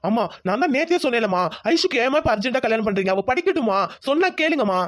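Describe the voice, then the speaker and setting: A woman's voice: fairly high pitch, animated, rapid-fire. A woman voicing a family cartoon comedy in a pleading, reassuring tone. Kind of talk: cartoon voice acting.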